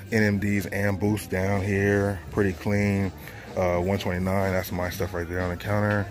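Deep-voiced man vlogging in a store. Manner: casual, chatty, thinking aloud. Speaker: reselling vlogger. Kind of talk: casual shopping vlog. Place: large retail store, indoors. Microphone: handheld phone.

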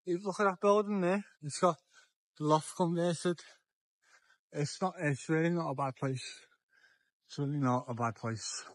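A man's voice: fairly high pitch, measured pace, pauses often, no room sound. A young man, chatty and a little tipsy, rambling and repeating himself as he films a walking vlog on town streets with a handheld phone. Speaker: vlogger. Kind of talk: casual walking vlog commentary. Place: outdoors on town streets at dusk.

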